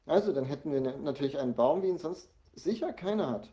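A man's voice: on the high side, expressive, fast, warm tone, highs cut off, natural voice. A man doing a puzzled kindly father. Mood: mild. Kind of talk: storybook reading.

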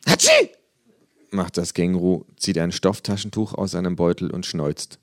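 A man narrating an audiobook in the first person, quietly and drily. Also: deep voice, steady tone, moderate pace, no room sound, clean studio sound. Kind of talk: audiobook reading.

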